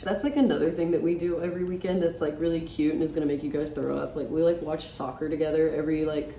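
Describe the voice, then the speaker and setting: Gravelly low-voiced young woman chatting over makeup. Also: dark tone, a little hiss or hum. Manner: talking while applying makeup, with trailing pauses; informal, filler-heavy, says "like" constantly. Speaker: vlogger. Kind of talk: casual chatty get-ready-with-me monologue. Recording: roomy echo.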